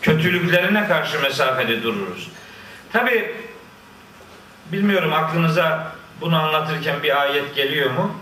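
A man preaching a sermon, quoting scripture in Arabic and explaining it with lively asides. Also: fairly high pitch, unhurried, slight background noise. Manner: lively, quotes Quran verses in Arabic and explains them. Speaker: Islamic preacher. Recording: echoey room, voice from a distance.

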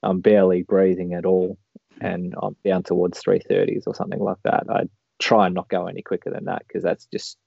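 A man's voice: low voice, little pitch movement, fairly quick, creaky, husky, no room sound. A man chatting casually as an interview guest, rambling along in a laid-back way. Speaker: podcast guest, marathon runner. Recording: dull lo-fi call audio.

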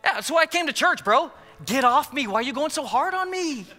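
A man's voice: extremely high pitch, expressive, fairly quick, bright, forceful tone, pitched above the performer's own voice, heavily acted. An American man voicing an indignant, whiny, exasperated grumbler as a comic aside in a sermon. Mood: whiny indignation. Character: grumbling, exasperated man who snaps at everyone. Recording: long hall reverb, music underneath.

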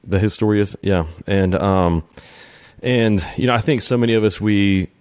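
Very low voiced host guy, kinda halting, dry close sound. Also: steady tone, darkish tone, no echo. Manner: halting, many restarts and fillers. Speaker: podcast host. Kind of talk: interview, casual chat.

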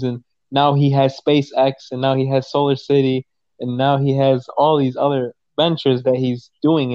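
In a casual conversation, a man in his twenties talks emphatically in a medium-pitched voice, swearing a lot and repeating "you know what I'm saying." There's no echo, but the highs are cut off.

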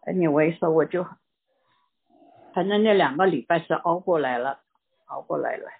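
An older woman giving a personal church testimony in a halting way, repeating words and dropping in English words. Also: low voice, gravelly, husky. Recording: tinny phone-like recording.

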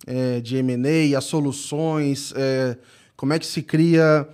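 A man hosting a podcast, introducing his guest and chatting casually in a halting way. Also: mid-range voice, steady tone, darkish tone, smooth. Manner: halting, many "é" fillers and restarts. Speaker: podcast host. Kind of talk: casual interview chat.

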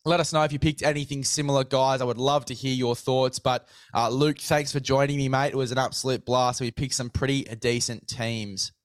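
A man hosting a relaxed sports chat, talking in a matey, slangy way. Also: medium pitch, fairly quick, hardly any pauses, dry recording. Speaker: podcast host.

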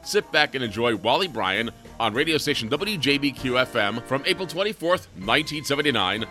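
A man's voice: mid-range voice, very animated, a little fast, bright, forceful tone, faint music behind. A man presenting a radio show as its host, introducing segments in an announcer's style.

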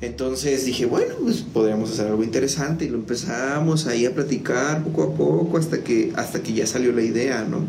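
A man talks through his story as a guest in a casual interview, in a loose, rambling way full of fillers and restarts. His voice sits at an ordinary pitch. The room is echoey, with a faint noise underneath. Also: brisk, creaky, few pauses. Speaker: music school founder, guest.

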